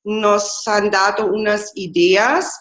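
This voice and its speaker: A German woman gives an online presentation, speaking slowly and carefully with the odd grammar slip. Her voice is mid-pitched. It comes through a computer mic in an echoey room. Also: fairly even intonation, a bit bright. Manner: slow, careful non-native Spanish with small grammar slips. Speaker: webinar presenter, intercultural trainer.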